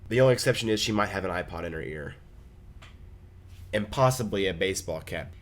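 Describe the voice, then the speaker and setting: Young guy from oklahoma vlogging, a bit low-pitched, animated storyteller. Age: young adult. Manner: animated, laughing storyteller with quick asides. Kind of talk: casual storytelling vlog.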